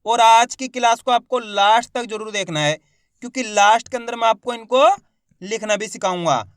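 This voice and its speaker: A man teaching Hindi reading, spelling words out syllable by syllable, slow and stretched, encouraging his viewers. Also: high-pitched, a bit bright, clear, resonant tone, no echo, clean studio sound. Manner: encouraging, addresses viewers as friends.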